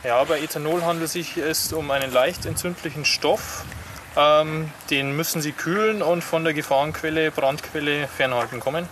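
A man's voice: on the high side, moderate pace. A man acting as fire brigade group leader, giving clipped, matter-of-fact instructions over a crackly two-way radio. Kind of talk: terse radio procedure talk. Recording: noisy radio transmission from far off.

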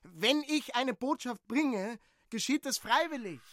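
An actor playing Barnabas, a humble, dutiful young village messenger in a radio drama. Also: male voice, very high voice, lively intonation, measured pace, a bit bright, no room sound, heavily acted. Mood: subdued.

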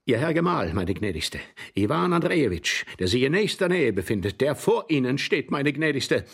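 A man's voice: mid-range voice, very animated, normal speed, slightly rough, pitched above the performer's own voice. A man reading aloud and voicing an indignant, lovesick young man who speaks reproachfully and heatedly.

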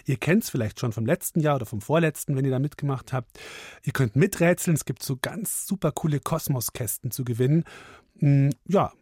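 A man presents a children's radio podcast, chatting casually and speaking straight to his young listeners. His voice has a slightly husky edge. The studio sound is dry and close. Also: medium pitch, a little mellow, dry recording. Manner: chatty, talks directly to listeners.

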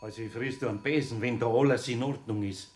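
An actor playing an older master carpenter with a Bavarian accent, grumbling and questioning in a radio play. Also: male voice, mid-range voice, fast, darkish tone, a little hiss or hum, close to an everyday voice. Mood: suspicious. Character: gruff older master carpenter, patient but suspicious.

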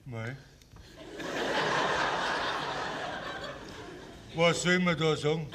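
An actor playing a blunt, grudging common man with a Bavarian accent, gruff and laconic. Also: on the high side, normal speed, crowd noise, natural voice. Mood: reluctant.

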